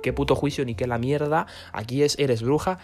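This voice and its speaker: A man's voice: medium pitch, fairly even intonation, a little fast, a little mellow, soft background music. Sarcastic man ranting profanely. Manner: sarcastic, swears constantly, rambling. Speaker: vlogger. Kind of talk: profane comic rant.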